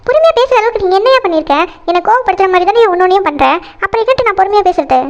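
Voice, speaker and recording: A woman's voice: extremely high pitch, expressive. Woman voicing a fiery, scolding cartoon bride. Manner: sharp, scolding, quick retorts. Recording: dull lo-fi sound.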